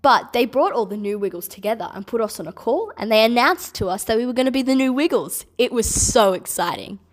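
Answering children's questions from her home, this Australian children's entertainer in her twenties is bubbly, eager and gentle with the kids. She speaks briskly in a slightly high, expressive voice.

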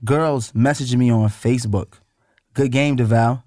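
Man, 30s, podcast co-host; playful banter, mid-pitched, close and dry. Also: steady tone, normal speed, dark tone, no echo. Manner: playful, drops into a low soothing tone to make a point. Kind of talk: casual couple chat.

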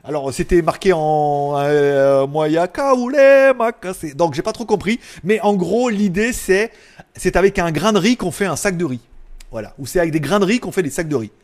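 High-voiced chatty man hosting a live stream. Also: normal speed. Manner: chatty, rambling, excitable. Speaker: live tech show host. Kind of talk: casual live-stream chat.

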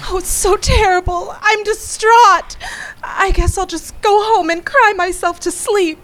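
A woman putting on an overdone, helpless high-society lady. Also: steady tone, measured pace, a bit bright, poor audio. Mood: fake distress. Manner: theatrical, mock-distraught.

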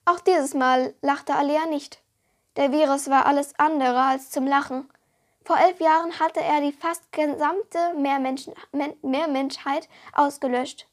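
Female audiobook reader, high voice, lively storytelling delivery. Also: unhurried. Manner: lively storytelling, voicing the characters. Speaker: reader of a book excerpt. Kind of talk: audiobook reading.

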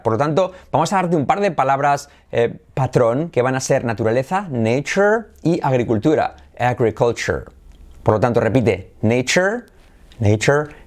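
A middle-aged man with a Spanish accent teaching English pronunciation in a video lesson, lively and repeating practice words. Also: mid-range voice. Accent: Spain.

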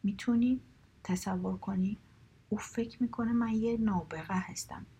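A woman voicing a middle-aged company boss speaking tenderly to his son, in a husky, gravelly voice. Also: mid-range voice, fairly even intonation, mellow. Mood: heartfelt.

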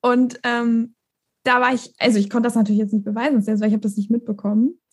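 A woman with a husky, rather high voice tells a story in a relaxed conversation. She talks casually and animatedly and laughs easily between her sentences. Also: a little fast. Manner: animated storytelling, laughs often, mimics others. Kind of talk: casual chat.

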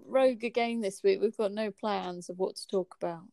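A woman co-hosting a podcast in casual chat, quick to laugh. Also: medium pitch, creaky, a little mellow, no room sound. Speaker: podcast co-host.

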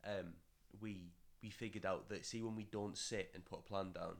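A young man hosts a casual podcast, rambling and doubling back on his own words, with offhand swearing. His voice sits on the lower side. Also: fairly even intonation, normal speed, creaky. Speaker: podcast host.

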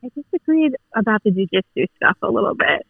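A woman's voice: medium pitch, very animated, fast talker, creaky, slightly rough, no room sound. A woman phoning in to a podcast as a listener, chatting casually and teasing the hosts. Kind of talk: casual phone-in chat. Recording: muffled phone line.

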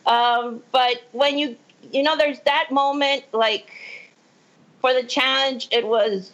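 Female caller from Puerto Rico, a bit high-pitched, chatty and rambling. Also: fairly bright tone, rough recording. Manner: chatty, rambling, laughs as she talks. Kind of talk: phone-in question.

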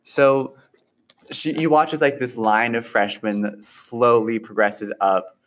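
Brief: male game master, leisurely, relaxed scene-setting, mid-pitched. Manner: unhurried, with fillers. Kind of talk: narrating a tabletop game.

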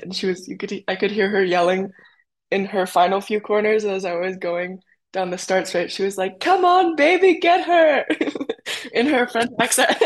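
A young adult woman, a cyclocross racer, answering interview questions in a chatty way with lots of fillers. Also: on the low side. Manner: chatty, with many fillers and quoted asides.

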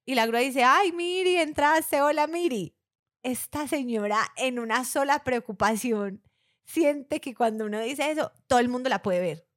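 A woman co-hosting a podcast, talking in a chatty, lively way and telling stories about her mother. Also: a little high, moderate pace, dry recording, clean studio sound. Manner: chatty, lively, often laughing along. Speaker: podcast co-host. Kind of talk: casual podcast chat.

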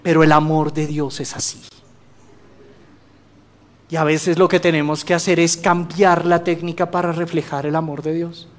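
A man's voice: a little high, flat delivery, moderate pace, long pauses. A man giving a church testimony, telling a story with humor and preaching to the congregation. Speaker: guest speaker giving a testimony.

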